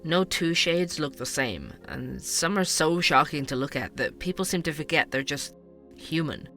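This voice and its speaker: Faint music runs behind a man whose slightly high voice has lively intonation and a sharp tone at normal speed. He's an actor portraying a curious, talkative podcast host in a scripted audio drama, conversational and wry as he explains things in a measured way through narration and interviews.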